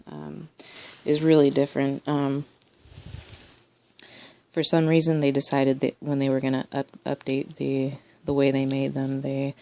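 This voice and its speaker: A woman's voice: extremely low pitch, creaky. A woman collector casually showing her toys on video, rambling with many ums and restarts. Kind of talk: casual show-and-tell video.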